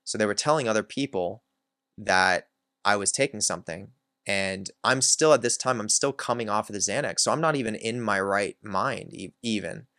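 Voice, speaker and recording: Candid low-voiced man telling a story. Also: moderate pace, fairly bright tone, no echo, clean studio sound. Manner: candid and reflective, with many "like" fillers. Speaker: self-help channel host. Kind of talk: personal storytelling monologue.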